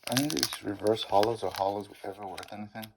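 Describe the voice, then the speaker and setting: A fast-talking middle-aged man with a Boston accent rambles through casual pack-opening commentary, self-deprecating and fumbling the card names. His voice is lowish with vocal fry, and the background is noisy.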